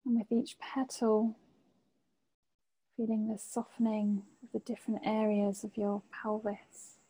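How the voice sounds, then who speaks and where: Soothing, mellow woman guiding meditation. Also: medium pitch, little pitch movement, slightly rough, low-quality recording. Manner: gentle, unhurried phrasing with long pauses. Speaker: guided meditation teacher. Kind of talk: guided meditation, soothing like a sleep story narrator.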